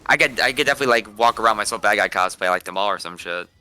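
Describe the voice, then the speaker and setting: A man chatting excitedly in a casual roundtable, swearing and joking. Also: on the low side, rapid-fire, clear, resonant tone, faint music behind. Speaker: cosplayer guest. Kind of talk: casual chat.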